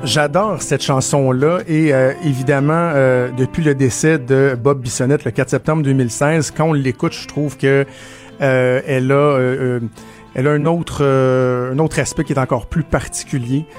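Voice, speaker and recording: A man with a Quebec French accent, hosting a radio show and chatting casually with animated storytelling. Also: mid-range voice, moderate pace, soft background music. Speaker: radio host. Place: radio studio.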